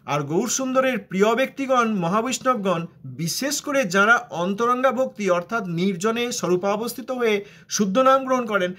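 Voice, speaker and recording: A man's voice: high voice, animated, moderate pace, bright, forceful tone. A man with a Bengali accent giving a devotional discourse, explaining scripture and asking rhetorical questions. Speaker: religious teacher.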